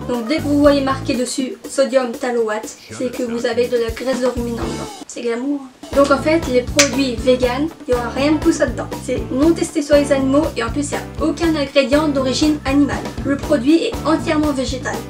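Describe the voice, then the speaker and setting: A woman's voice: sits high, fairly even intonation, brisk, few pauses, far from the mic, music in the background. A woman vlogger explaining product labels in a chatty, joking way, with self-mocking asides. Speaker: beauty vlogger. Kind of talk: casual explainer vlog.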